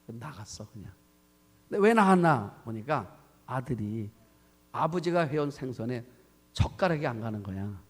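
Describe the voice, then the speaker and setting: A man's voice: fairly high pitch, breathy edge. A male pastor preaching a sermon, telling a story and acting out its dialogue, often asking the congregation questions. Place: church sanctuary. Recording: long church hall reverb.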